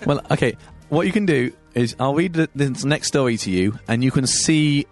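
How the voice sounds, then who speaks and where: A man's voice: mid-range voice, lively intonation. Guy hosting a jokey news podcast, stumbles and restarts a lot, faint music behind. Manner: reads news stories aloud, halting restarts. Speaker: host. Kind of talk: comedy news podcast chat.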